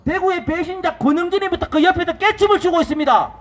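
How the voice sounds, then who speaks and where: A man with a Daegu Gyeongsang accent giving a fiery political rally speech outdoors, shouting slogans and firing rhetorical questions at the crowd. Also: very high voice, fast talker. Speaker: rally speaker. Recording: echoey outdoor street, long reverb, faint noise.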